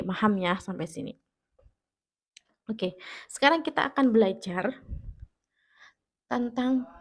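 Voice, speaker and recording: A woman with an Indonesian accent teaching an English grammar lesson, explaining patiently and often correcting herself mid-word. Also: medium pitch. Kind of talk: classroom grammar lesson for students at home.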